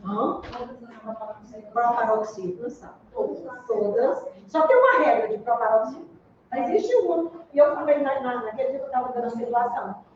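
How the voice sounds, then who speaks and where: A woman's voice: on the high side, expressive, a little fast. A woman teaching Portuguese in an exam-prep lecture, explaining step by step and checking in with her students. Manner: explains step by step, asks "né?" and "entendeu?". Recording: echoey room, distant dull mic.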